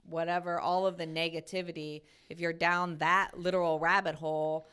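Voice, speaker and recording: A woman's voice: on the low side, level tone, moderate pace, a bit bright, smooth. A woman co-hosting a podcast in casual chat, encouraging and often agreeing. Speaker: podcast co-host.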